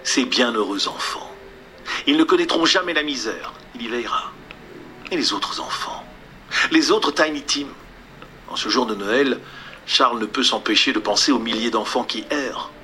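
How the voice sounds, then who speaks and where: A man narrating a storybook in a soft, hushed delivery that often drops to a near whisper. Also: medium pitch, lively intonation, moderate pace, long pauses, a little hiss or hum. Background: music.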